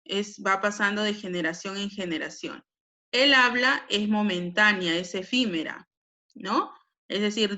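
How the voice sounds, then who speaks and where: Bright-voiced Peruvian woman teaching. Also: mid-range voice. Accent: Peruvian Spanish. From Peru. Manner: explanatory, frequent tag questions. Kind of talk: classroom lesson on language.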